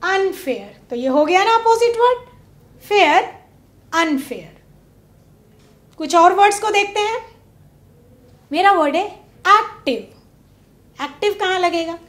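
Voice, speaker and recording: A woman teacher giving a classroom lesson, drawing out words slowly and putting questions to her pupils. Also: very high voice, lively intonation, fairly bright tone, reverberant. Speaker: English teacher. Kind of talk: classroom lesson on prefixes and suffixes. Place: broadcast studio classroom.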